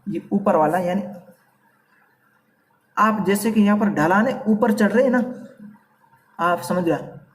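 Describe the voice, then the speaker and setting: A man with a Rajasthani accent teaching a Hindi grammar class, repeating vowel sounds slowly and calling his students "beta". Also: high voice, far from the mic.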